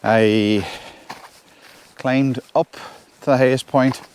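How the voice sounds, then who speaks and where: Male hiking vlogger, Northern Irish, mid-pitched, chatting casually outdoors while trudging through snow. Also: fairly even intonation, normal speed, darkish tone. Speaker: solo hiker vlogging. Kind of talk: casual walking vlog. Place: outdoors on a snowy hill forest track.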